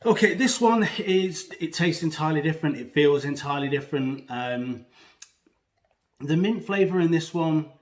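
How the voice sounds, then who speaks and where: A man's voice: on the high side, animated, moderate pace. A man giving a casual, unscripted product review in a hesitant, rambling way, talking with a pouch tucked under his lip. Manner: hesitant, rambling, self-correcting. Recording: echoey room.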